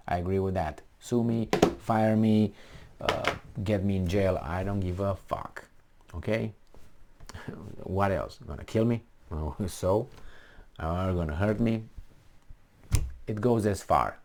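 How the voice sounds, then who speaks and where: A man from Romania rants about politics with blunt defiance, speaking casually and energetically while often restarting and using fillers. His voice is low, with noticeable vocal fry.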